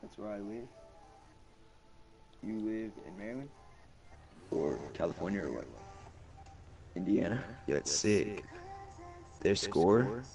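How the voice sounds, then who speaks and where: Hyped young streamer guy, low gravelly voice, a bit far from the mic, loud game music over him. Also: animated, takes it slowly, long pauses. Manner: hyped, slangy, reads chat aloud. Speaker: gaming streamer. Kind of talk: casual live-stream chat.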